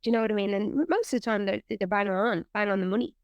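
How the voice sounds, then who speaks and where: A woman's voice: medium pitch, quick pace, dry recording. A woman, an actor and writer, chatting candidly in an interview and swearing freely. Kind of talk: casual interview chat.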